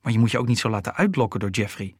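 A man doing a calm, soothing schoolgirl. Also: fairly low pitch, rapid-fire, breathy edge, dry recording, clean studio sound. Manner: soothing, reasonable. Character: calm, sensible schoolgirl friend.

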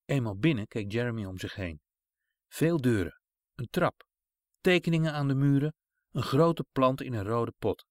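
A man narrates a story in a calm, measured voice of middle pitch. His intonation rises and falls a lot, and the recording is dry with no room echo.

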